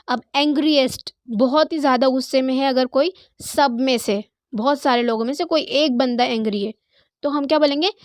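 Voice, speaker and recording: Woman grammar teacher, high voice, dry close sound, Hindi-Urdu with English terms. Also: darkish tone, dry recording, rough recording. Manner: explains in Hindi-Urdu mixed with English, says "theek hai" often. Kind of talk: online grammar lesson.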